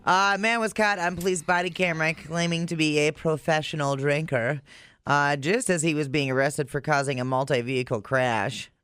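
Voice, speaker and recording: A man's voice: a little high, fairly even intonation, moderate pace, fairly bright tone, clean tone, dry recording. A man co-hosting a morning radio show, reading out an odd news story and reacting drily. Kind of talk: casual radio banter, reading news stories. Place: radio studio. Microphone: studio microphone.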